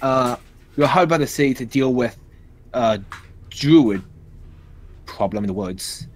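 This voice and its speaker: A man's voice: mid-range voice, expressive, a little slow. A man speaking in character as a player in a tabletop game, casual and summarizing with fillers.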